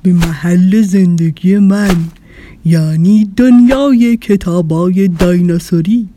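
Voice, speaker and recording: Woman doing a booming, boastful dinosaur. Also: a little hiss or hum, lightly acted. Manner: slow, loud and booming, proud. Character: big boastful friendly male dinosaur. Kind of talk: children's audio story.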